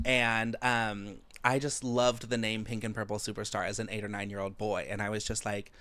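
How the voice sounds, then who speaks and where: Enthusiastic man with a bright voice. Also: lowish voice, little pitch movement, moderate pace. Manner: enthusiastic, affirming, lots of backchannel. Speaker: podcast host. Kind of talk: casual podcast conversation. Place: podcast studio.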